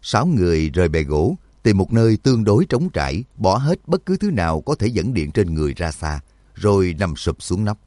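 A man narrating an audiobook in an expressive, vivid storytelling manner. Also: deep voice, fairly quick, no room sound, clean studio sound.

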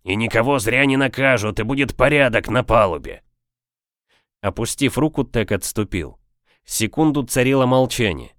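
A male audiobook narrator reads in a steady, measured way with a fairly low voice. The recording is dry and close, with no room around it. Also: no echo.

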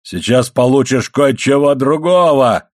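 A man voicing an angry middle-aged coal-miner father who shouts threats and drags his words out slowly. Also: medium pitch, lively intonation, dry recording, studio quality, close to an everyday voice. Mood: furious.

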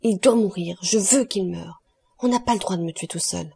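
A condemned man in a frantic, raised outcry, furious and pleading, as a woman reader plays him. The voice is dark and husky even when loud. A storybook reading. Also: medium pitch, normal speed. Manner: shouting, frantic.

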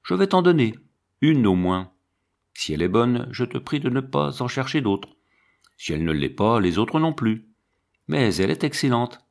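A man voicing a gentle, humble old monk who tends a convent garden, speaking in a mild, musing way. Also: medium pitch, very animated, normal speed, gravelly.

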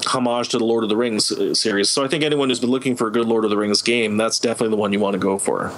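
A man co-hosting a podcast, talking fast and with enthusiasm in a casual gaming chat, often laughing. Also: fairly low pitch, steady tone, fairly bright tone. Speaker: podcast co-host.

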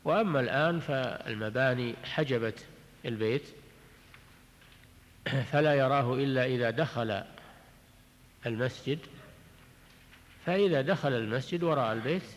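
Man, religious scholar, measured lecture, repeats phrases, clears throat, long hall echo on old tape. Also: mid-range voice. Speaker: religious scholar teaching a text. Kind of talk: recorded lecture explaining jurisprudence.

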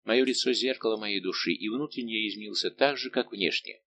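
A man's voice: fairly low pitch, fast talker, bright, forceful tone. A male reader voicing a heartbroken young nobleman who speaks in a bitter, restrained, formal way, in an audiobook.

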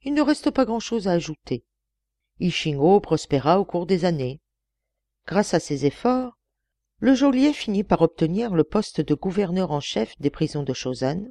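A woman narrating an audiobook with expressive storytelling. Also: lowish voice, normal speed, no echo, studio quality. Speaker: audiobook reader.

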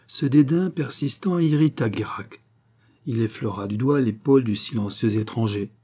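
A man narrates a novel in a measured, expressive reading. His voice is dark, mellow and a little husky. He holds a steady pitch. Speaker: audiobook reader.

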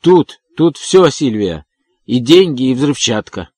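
A man voicing a frantic, greedy male prisoner who shouts in a breaking voice, in an audiobook. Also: medium pitch, sing-song, slow, no room sound. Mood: stunned.

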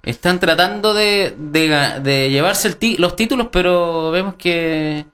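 A man's voice: on the high side, a little slow, a bit bright, clean tone. A man co-commentating live wrestling, reacting to the action with exclamations.

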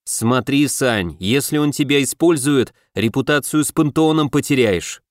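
A man voicing the hero's practical, cautious brother in an audiobook, asking brisk and wary questions. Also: medium pitch, lively intonation, no room sound, studio quality, natural voice. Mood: questioning. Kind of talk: audiobook character voice.

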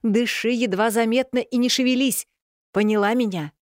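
A mysterious unseen woman in a spoken fairy tale, giving quick, urgent orders. Her voice rides well above the narrator's usual pitch, as a woman reader puts her on. The sound is dry and close. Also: dry recording, close to an everyday voice. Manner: urgent, commanding. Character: unseen commanding woman guiding in secret.

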